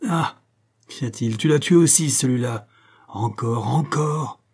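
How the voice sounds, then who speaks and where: Un homme qui joue une énorme brute masculine, peureuse devant les morts, d'une voix plaintive et forte. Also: male voice, medium pitch, expressive, normal speed, dark tone, slightly rough. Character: brutal hulking male thug, squeamish about corpses.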